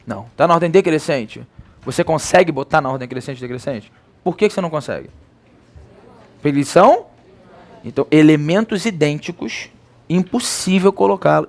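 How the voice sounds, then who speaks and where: High-voiced Brazilian Portuguese teacher. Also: male voice. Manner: lively, rhetorical questions answered himself. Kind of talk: recorded classroom lecture.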